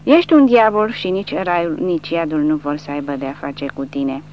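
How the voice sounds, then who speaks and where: A woman's voice: sits low, lightly acted. A woman voicing a crazed male commissar who rants and gloats, in a dull lo-fi recording with a faint hum. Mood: defiant. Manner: ranting, boastful.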